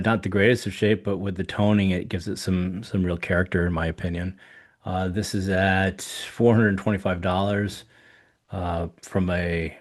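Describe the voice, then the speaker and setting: A man with a very deep, low voice talks through his thoughts in an unhurried, halting way, full of ums and restarts. His voice is going hoarse as he goes. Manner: halting, many ums and restarts, thinking aloud. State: losing his voice. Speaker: podcast host reviewing coin auctions. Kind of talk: casual solo commentary.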